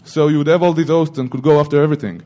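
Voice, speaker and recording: A man's voice: a little high, steady tone, rapid-fire, mellow. A middle-aged man giving an informal technical talk at a security conference, rambling with self-corrections and joking asides to the audience.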